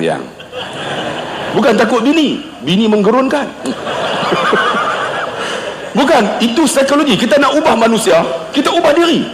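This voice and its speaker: A middle-aged male preacher speaks loudly to an audience and acts out the people in his anecdotes. His voice sits high for a man and swings widely in pitch. The sound rings with the long, roomy echo of a large hall. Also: a little hiss or hum. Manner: loud, animated storytelling with voiced quotes. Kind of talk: humorous religious lecture. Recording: echoey hall, long reverb.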